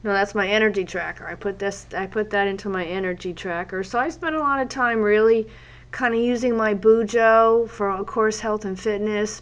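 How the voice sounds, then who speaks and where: A woman with a congested cold voice, chatting casually and rambling as a fitness teacher while she draws in her journal. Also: medium pitch. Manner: rambling, chatty, wanders off topic. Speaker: fitness instructor and journaling vlogger. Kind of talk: casual chat while drawing.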